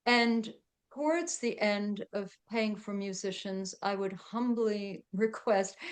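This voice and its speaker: Chatty woman with a smooth voice. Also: mid-range voice. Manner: chatty, laughs often, many fillers. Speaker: guest. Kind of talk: casual interview chat.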